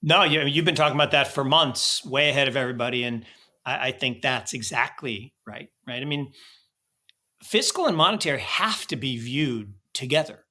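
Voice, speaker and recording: An American podcast co-host chats casually and animatedly about markets and travel, frequently restarting his sentences. His mid-range voice moves at a moderate pace and sounds pushed and bright.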